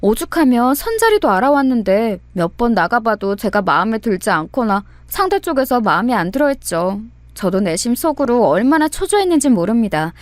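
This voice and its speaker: A woman tells a scripted first-person story in a confiding, conversational manner. Her voice sits a bit high with a lively, rolling pitch. The sound is dry and close to the mic. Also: dry recording. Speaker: story narrator.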